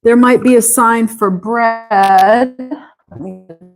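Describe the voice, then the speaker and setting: A woman with an Ohio accent teaching an English pronunciation class, slowly repeating words for her students to say after her. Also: a little high, steady tone, soft background music. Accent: Ohio American English. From Ohio, USA. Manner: slow, patient, repeats words for students to echo. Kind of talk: live online English pronunciation lesson.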